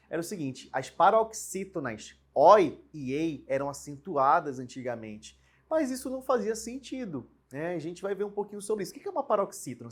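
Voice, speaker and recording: A man's voice: on the high side, breathy edge. Man teaching a grammar lesson. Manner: lively, explanatory, with frequent rhetorical questions and tag "né?". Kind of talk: recorded online grammar lesson.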